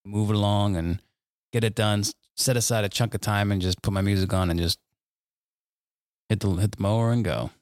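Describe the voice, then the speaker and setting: A man's voice: lowish voice, fairly even intonation, a little fast, pauses often, a little mellow, dry recording, clean studio sound. A man in his thirties co-hosting a podcast, telling playful family stories in a rambling way with lots of fillers. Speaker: podcast co-host. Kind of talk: casual family chat.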